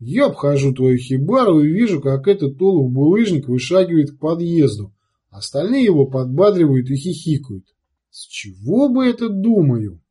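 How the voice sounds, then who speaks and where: Man doing a calm, sly commissar. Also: on the high side, husky. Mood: wry relaxed. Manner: calm, measured, wry. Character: calm, wry male magician commissar, sly.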